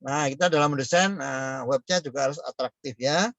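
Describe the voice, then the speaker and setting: A man's voice: medium pitch, fairly quick, a bit bright, no room sound. A man giving a business lecture over a video call, in a conversational way with frequent fillers and chuckles. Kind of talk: online lecture.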